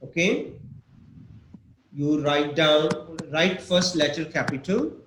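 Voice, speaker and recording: A man from Pakistan teaches an online English lesson, patiently explaining with examples and asking his students questions. His voice is fairly high-pitched and his pace is slow. The room sounds echoey, with faint noise.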